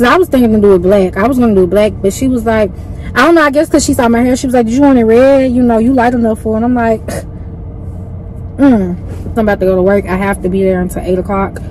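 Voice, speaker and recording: A woman's voice: a little high, mellow, rough recording. A young woman vlogs from a parked car. She talks in a candid, chatty way and sprinkles "like" through her sentences. The camera is mounted near the dashboard, with faint ambient noise around her. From Memphis, USA. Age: young adult. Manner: chatty and candid, with frequent "like" fillers. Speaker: vlogger. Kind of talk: casual vlog chat.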